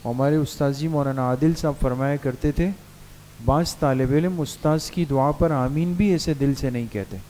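A man's voice: normal speed, mellow, slight background noise. A man, a mufti giving a jovial sermon to madrasa students in a mosque. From Pakistan. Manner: jovial, asks students to raise hands, then leads recitations in a low murmur. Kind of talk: sermon and guided supplication.

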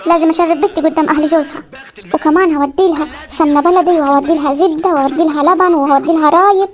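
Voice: high-pitched, steady tone, natural voice. An actor voicing a bossy, scolding Upper Egyptian village mother in a comedy cartoon, with an Upper Egyptian accent. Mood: insistent. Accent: Upper Egyptian Arabic. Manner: scolding, ordering, quick threats.

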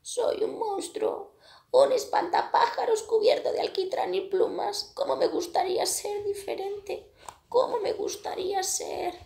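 A woman's voice: very high-pitched, fairly even intonation, unhurried, creaky, a little mellow, voice pushed up, heavily acted. Cuervo, a timid lonely crow, voiced by a woman. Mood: despairing. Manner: timid, stammering, then giddy. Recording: echoey room.

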